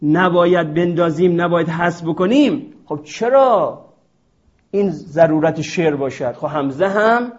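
A male teacher delivers a classroom lecture at a board, walking through a rule step by step. His pitch sits a little high and swings widely as he poses questions to his students. The recording is dull and lo-fi. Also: lively intonation. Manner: explains step by step with rhetorical questions.

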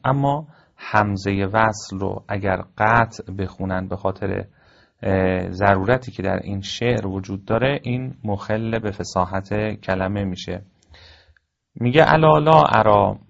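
A man teaching a formal lecture, explaining point by point in a measured way with frequent pauses. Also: on the low side, vocal fry. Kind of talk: recorded classroom lecture. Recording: dull lo-fi recording.

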